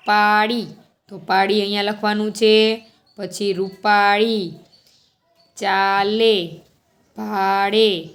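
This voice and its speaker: A woman primary school teacher reading a song and a story aloud to young children, asking them questions as she goes. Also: medium pitch. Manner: slow, sing-song, prompting questions.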